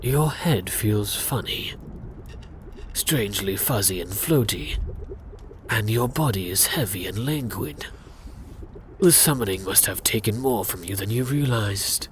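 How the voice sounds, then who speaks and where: A man with a fairly low voice tells a second-person fantasy tale for ASMR from a script, unhurried, hushed, close and dramatic. A little background noise can be heard.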